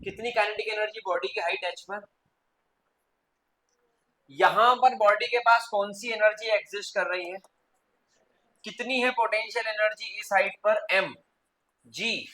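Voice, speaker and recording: Male physics teacher, classroom lecture, bright sharp tone, drills students with questions. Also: sits high, poor audio. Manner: quizzes the class with quick repeated questions; mixes English physics terms into Hindi.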